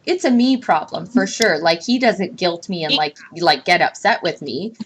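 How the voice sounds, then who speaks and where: A woman's voice: lowish voice, normal speed, slight background noise. A woman co-hosting a casual live chat, candid and rambling, a little self-deprecating. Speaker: co-host.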